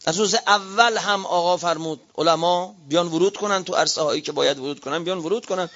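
Impassioned preaching man, high bright voice. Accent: Iranian Persian, Qom. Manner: impassioned, shouting rhetorical appeals. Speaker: cleric preacher. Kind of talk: fiery sermon. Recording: dull lo-fi recording.

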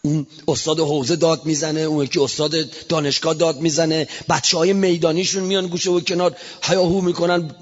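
A man preaching a fiery religious sermon, swinging between shouting and low storytelling. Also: little pitch movement, hardly any pauses. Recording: lo-fi recording in a reverberant hall.

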